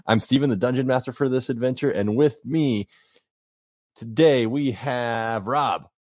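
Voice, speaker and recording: A man hosting a tabletop game podcast as dungeon master, upbeat and announcer-like, quick to laugh. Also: mid-range voice, darkish tone, dry recording, studio quality. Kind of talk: podcast intro and game talk.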